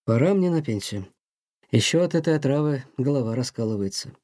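Storybook role: man playing a sighing, gentle old museum director, darker tone. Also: medium pitch, expressive, fairly quick, dry recording, clean studio sound, lightly acted. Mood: wondering. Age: older. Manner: sighing, soft-spoken, talks kindly to a mouse. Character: weary aging male museum director, gentle and sad.

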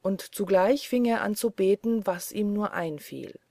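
A woman narrating a fairy tale audiobook in a measured, deliberate way. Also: medium pitch, mellow, no echo, clean studio sound. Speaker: audiobook reader. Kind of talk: storybook narration.

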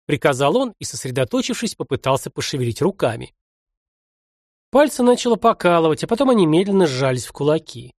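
A man narrating an audiobook in an expressive storytelling way on a close mic. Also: fairly high pitch, a little fast, no echo. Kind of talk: scripted narration.

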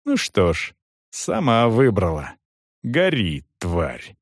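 Cold hard soldier, gruff and slow, short barked orders, a guy doing him. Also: on the low side, huge pitch swings, no room sound, studio quality, exaggerated voice. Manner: gruff, clipped commands.

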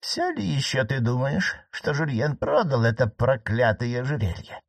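Male reader doing a composed elderly noblewoman, dry and ironic, lifted voice with a lively, swinging pitch; audiobook character. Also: moderate pace, gravelly, no room sound. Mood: calmly reasoning. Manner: composed, gently mocking. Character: calm, ironic elderly aristocratic aunt, a marquise.

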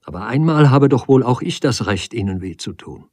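A man reading the part of a proud young woman who speaks in a sharp, reproachful way in a storybook reading. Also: animated, normal speed, breathy edge, dry recording, clean studio sound. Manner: sharp, reproachful, rising pitch.

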